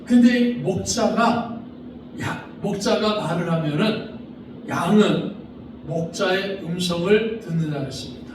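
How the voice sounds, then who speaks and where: A man's voice: high voice, a little slow, noisy background. A male pastor preaching a sermon, acting out the people in the story with dramatic voices. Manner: acts out the figures' lines in dramatic voice. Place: church sanctuary. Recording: distant mic in an echoey church hall.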